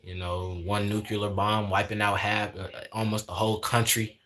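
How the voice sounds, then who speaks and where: A man's voice: on the low side, little pitch movement, normal speed, bright, forceful tone. A man in his twenties chatting casually on a livestream, preaching in a repetitive way and sprinkling in "man" and "y'all". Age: 20s. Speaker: livestream host.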